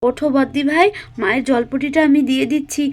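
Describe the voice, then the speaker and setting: A woman's voice: high voice, fairly even intonation, brisk, darkish tone, close to an everyday voice. A woman voicing a caring daughter-in-law who fusses and soothes, often ending her lines with questions. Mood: soothing. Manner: fussing, soothing, ends with questions.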